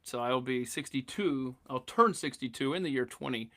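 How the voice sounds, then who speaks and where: A man in his forties hosting a podcast, chatting casually and excitedly, often stammering and restarting his sentences. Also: medium pitch, moderate pace. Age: 40s. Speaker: podcast host. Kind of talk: casual chat.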